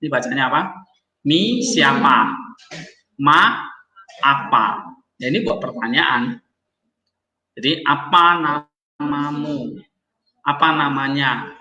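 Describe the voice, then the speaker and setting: Bright-voiced man teaching slowly. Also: fairly high pitch, lively intonation, reverberant, poor audio. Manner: explains step by step, checks in with "ya kan?". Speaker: Hebrew teacher. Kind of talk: classroom grammar lesson.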